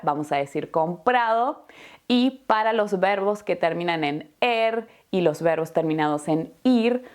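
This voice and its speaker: Female teacher, slow, deliberate lesson delivery, patient tone. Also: lowish voice. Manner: patient, adds checking tags like "¿sí?" and "¿no?". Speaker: Spanish teacher. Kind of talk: slow, clear explanatory lesson.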